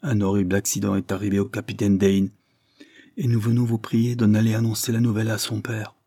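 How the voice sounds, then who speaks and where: A man's voice: lowish voice, flat delivery, a little fast, warm tone, dry recording, clean studio sound. A man voicing a middle-aged doctor in a Victorian audiobook, firm and pressing. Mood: grave. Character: grave, urgent middle-aged male doctor.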